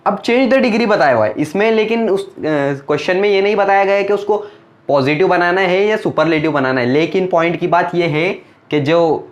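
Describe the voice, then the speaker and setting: Young guy teaching grammar, slightly high voice, asks then answers his own questions. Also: moderate pace, muffled recording. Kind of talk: whiteboard grammar lesson.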